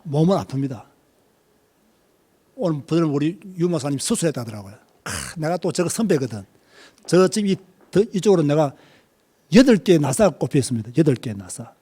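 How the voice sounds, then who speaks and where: Lively Korean preacher. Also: male voice, fairly high pitch, fairly quick, long pauses, slightly rough. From Korea, Busan. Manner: lively preaching, questions to the congregation. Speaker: pastor. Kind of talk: sermon.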